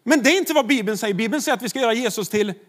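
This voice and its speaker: A man's voice: very high voice, animated, fairly bright tone. A man, a pastor, preaching a sermon in a conversational way, with rhetorical questions to the congregation.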